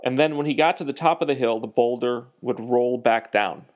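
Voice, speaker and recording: A man with a nasal, mid-range voice hosts a solo podcast, thinking aloud reflectively and self-deprecatingly with frequent pauses.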